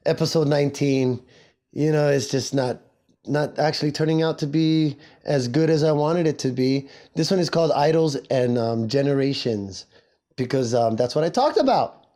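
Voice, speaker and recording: Hoarse, rambling podcast host, a man. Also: a little high, moderate pace, warm tone. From Hawaii. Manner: rambling and chatty, self-mocking. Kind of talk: casual solo podcast chat.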